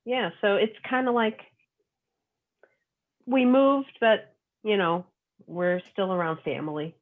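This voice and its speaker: A woman's voice: medium pitch, slow. A woman, a guest author chatting casually in an interview, rambling with plenty of fillers. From Long Island, New York. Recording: tinny phone-like call audio.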